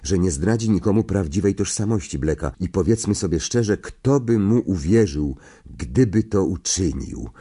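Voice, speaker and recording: Guy reading as a huffy official brushing off blame, husky voice. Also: sits low, animated, normal speed, mellow. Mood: irritated. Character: irritated middle-aged male minister. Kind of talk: audiobook character voice.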